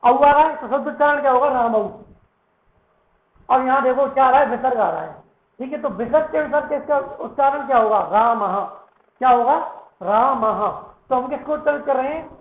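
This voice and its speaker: A male Sanskrit teacher with a very high voice gives a classroom lesson at a quick pace, repeatedly posing questions and answering them himself while drilling pronunciation by repeating words. The room is echoey and the sound is tinny, almost like a phone.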